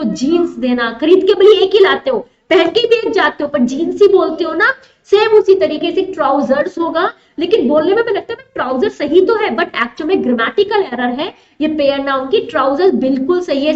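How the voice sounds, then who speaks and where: A woman teaching English grammar in an online exam-prep lesson, explaining step by step, mixing Hindi with English terms and asking her students questions. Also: sits high. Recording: roomy, dull lo-fi sound.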